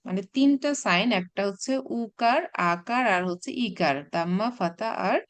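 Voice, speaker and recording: A woman teaching a recorded Arabic class, explaining patiently with many pauses and restarts, mixing in English terms. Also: medium pitch, expressive. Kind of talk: recorded online class lecture.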